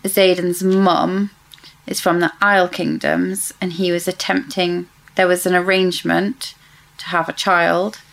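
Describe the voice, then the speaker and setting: A woman's voice: on the low side, little pitch movement, a little slow, gravelly, a bit bright, poor audio. A woman co-hosting a casual book discussion, chatty and speculative, often correcting herself mid-sentence. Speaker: podcast co-host.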